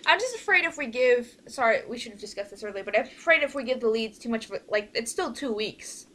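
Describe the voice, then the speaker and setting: A young adult woman hosts a casual online cast meeting, rambling and often restarting her sentences. Her voice is fairly high, expressive, bright, and forceful, and she talks fast. The recording comes from a noisy home mic with keyboard typing audible.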